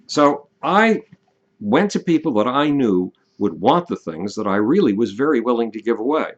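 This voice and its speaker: An older man giving an emphatic, deliberate monologue, stretching out the words he wants to stress. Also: medium pitch, sing-song. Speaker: commentator. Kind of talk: casual monologue to camera. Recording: dull lo-fi sound.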